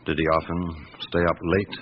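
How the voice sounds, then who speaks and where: An actor playing a patient, persistent police chief inspector questioning a witness in a radio drama, with deliberate hums and pauses. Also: male voice, low voice, little pitch movement, close to an everyday voice. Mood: patient, probing. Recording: dull lo-fi radio recording with clear hiss.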